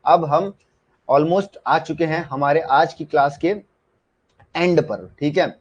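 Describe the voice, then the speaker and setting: A man's voice: a little high, steady tone, takes it slowly, slightly rough. A man teaching shorthand in a live online class, talking casually and often checking that students understand. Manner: chatty, repeats "ठीक है" and asks students if they understood. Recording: dull lo-fi sound.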